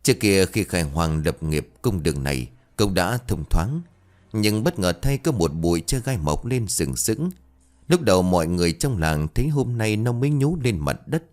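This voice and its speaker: Deep-voiced male horror storyteller. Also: very animated, normal speed, a little mellow.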